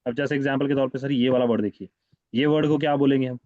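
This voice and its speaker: A man's voice: mid-range voice, steady tone, fast talker, darkish tone, dry recording, lo-fi sound. A man teaching French in an online class, patiently going over each word again and again. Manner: patient, repeats words many times.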